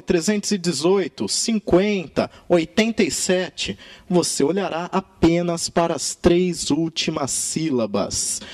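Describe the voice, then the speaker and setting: A man teaching a grammar lesson in Brazilian Portuguese, with emphatic, drawn-out key words. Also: high voice, darkish tone, dry recording.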